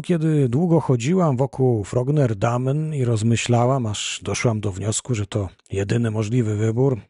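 A man reading a literary audiobook in the first person, measured and reflective, on a close, dry mic. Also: mid-range voice, warm tone, slightly rough, no echo. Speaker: audiobook reader.

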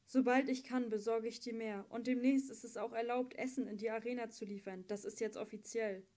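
Ambitious teenage boy, earnest and insistent, read by a woman narrator; mellow voice. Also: a little high, steady tone, brisk, natural voice. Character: earnest 18-year-old boy, proud and ambitious.

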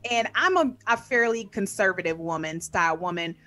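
A woman's voice: mid-range voice, animated, moderate pace, bright, forceful tone. A woman speaking as a podcast guest in casual interview chat, upbeat and emphatic, often repeating her key points. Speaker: podcast guest, music performer.

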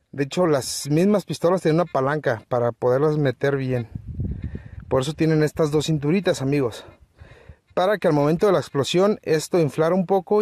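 A man's voice: on the high side, darkish tone, no room sound. A man, chatting to viewers outdoors as he hunts for old relics, often calling them his friends. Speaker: treasure hunting vlogger. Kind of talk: casual outdoor commentary. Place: outdoors in open countryside.

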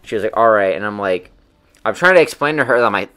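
A man's voice: on the low side, expressive, fast talker, a bit bright, clear, resonant tone. A young man casually telling a personal story in a loose, rambling way, full of fillers and swearing.

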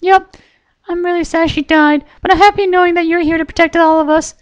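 A narrator voicing Pinkie Pie, a bubbly pink pony mare with a high, squeaky, giggly sing-song voice who hides a murderous streak. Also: steady tone, brisk, dull audio. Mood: sad.

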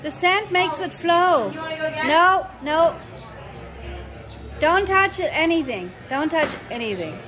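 Woman, family vlogger, high voice, eager and gushing, diners chattering behind her. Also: animated, slow, pauses often. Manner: gushing, enthusiastic. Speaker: vlogger and mother. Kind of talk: casual family vlog narration. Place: busy pub restaurant, indoors. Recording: crowd chatter in a busy pub.

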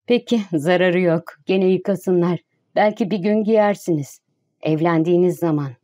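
A woman's voice: fairly low pitch, moderate pace, dark tone, lightly acted. A woman reading as a homely, caring landlady.

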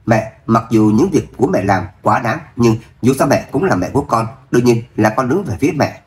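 A man reading the part of a gentle young wife caught between her husband and her mother. She speaks in a soft, pleading way, trying to calm things down. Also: mid-range voice, fairly quick, close to an everyday voice.

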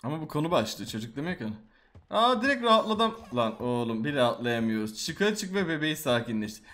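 A young man hosting a horror game video, reacting loudly with swearing and reading story text aloud. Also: a little high, big pitch swings, brisk, faint music behind. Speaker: gameplay video host. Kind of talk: excited horror game commentary.

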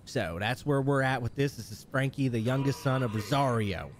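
A man's voice: medium pitch, normal speed, slight background noise. A man hosting a live game stream, chatting casually, reading out viewer messages and laughing often. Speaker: streamer and host. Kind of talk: live stream chat and roleplay commentary.

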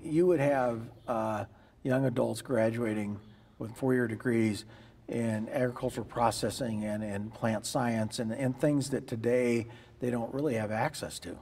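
In a big farm machinery shed, a farmer and philanthropist in his sixties sits for an interview, answering earnestly and often repeating words as he starts a thought. His mellow voice sits at a medium pitch, with a steady tone, a touch of vocal fry, and a slightly slow pace.

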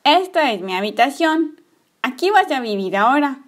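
A woman voicing Emma, a kind, secretive young girl, coaxing her pet gently in a toy story play. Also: high-pitched, big pitch swings, moderate pace. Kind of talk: playing with toy figures.

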